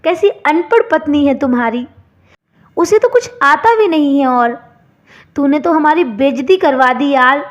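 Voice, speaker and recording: A woman's voice: high-pitched, expressive, measured pace, dull audio. A woman voicing a group of rude young men who complain and mock in a storybook tale. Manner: complaining, mocking. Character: husband's rude young male friends.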